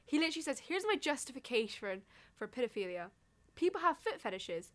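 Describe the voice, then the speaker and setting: A woman's voice: high-pitched, big pitch swings, brisk, fairly bright tone. Young woman, chatty podcast host. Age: young adult. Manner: gossipy, indignant commentary, reads from an article. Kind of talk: casual chat.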